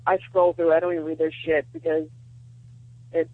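A woman's voice: low-pitched, little pitch movement, moderate pace, no room sound. A woman in her twenties with a Southern US accent, calling a show, sounding tired, reserved and hesitant as she chats casually. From Georgia, United States. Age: 20s. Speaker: radio show caller. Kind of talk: casual phone-in chat. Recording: dull band-limited phone call.

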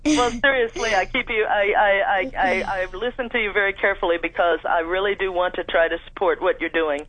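A man's voice: sits high, fairly even intonation, brisk, bright, forceful tone, no echo. A man from Missouri calling in to a radio show, earnest, friendly and chatty. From Missouri, USA. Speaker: caller. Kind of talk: call-in talk. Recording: muffled phone line.

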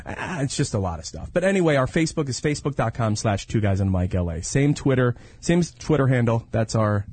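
A man co-hosting a podcast in casual banter, animated and often repeating his phrases. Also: mid-range voice, a little fast, breathy edge, no echo. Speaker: podcast co-host.

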